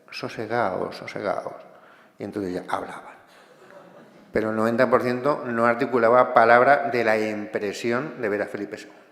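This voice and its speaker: An impassioned man with a Spanish accent speaks at a book presentation, getting carried away and pausing on frequent hesitations. His voice sits at a middle pitch and carries a long, roomy echo from a large hall. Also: a bit bright. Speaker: book author. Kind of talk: lecture-style book presentation. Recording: echoey hall.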